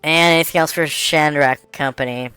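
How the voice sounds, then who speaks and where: Mężczyzna prowadzący grę fabularną jako mistrz gry, z głosem przepuszczonym przez filtr zmieniający go na kobiecy. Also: male voice, fairly high pitch, steady tone, sharp tone, smooth, faint music behind, voice pushed up. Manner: unhurried, explaining rules and scenes. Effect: female voice changer filter. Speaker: game master. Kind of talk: narrating an online tabletop game.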